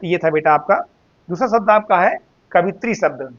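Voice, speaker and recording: A man teaching Hindi spelling, repeating each word slowly and calling his students "beta". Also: high voice, expressive, fairly bright tone, highs cut off. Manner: slow, drawn-out repetition of words, addresses students as "beta". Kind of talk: spelling and grammar lesson.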